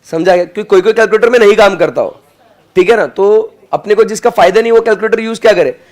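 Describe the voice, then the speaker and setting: A man's voice: high voice, quick pace, a little mellow. A young adult male teacher giving a classroom lecture, joking and playful, mixing Hindi with English.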